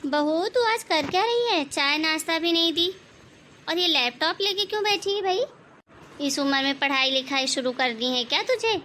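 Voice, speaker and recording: A woman voicing a bossy, scolding mother-in-law in an animated moral story, with a taunting, commanding, sarcastic manner. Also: high-pitched, moderate pace, a little hiss or hum.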